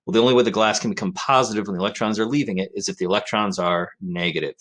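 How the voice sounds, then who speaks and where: A man's voice: fairly low pitch, very fast, a bit bright. A man talks through a physics lesson. His delivery is conversational, with fillers and frequent "right?" prompts to the student. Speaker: physics teacher. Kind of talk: recorded classroom lecture.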